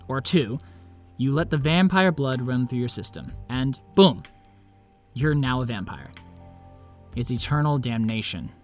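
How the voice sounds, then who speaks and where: A man's voice: mid-range voice, animated, measured pace, pauses often, soft background music, lightly acted. A man playing an awkward, lovelorn young vampire who narrates in a self-deprecating, confiding way. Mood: wry, ominous. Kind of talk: scripted first-person narration and dialogue.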